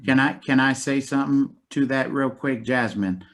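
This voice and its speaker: Male panel host, direct questioner, mid-pitched voice. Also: normal speed, fairly bright tone. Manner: direct, prompting. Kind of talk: online panel discussion.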